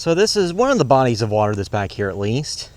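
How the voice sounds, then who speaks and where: Here a park-exploring vlogger talks fast and very animatedly in a darkish, medium-pitched voice, with no echo. Even so, his unscripted narration is hesitant, rambling and matter-of-fact, set against clear outdoor ambience and road noise.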